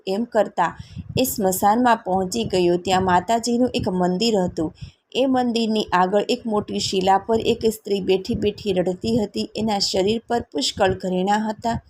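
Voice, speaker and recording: A woman's voice: medium pitch, darkish tone. Woman reading a storybook tale. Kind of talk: storybook narration.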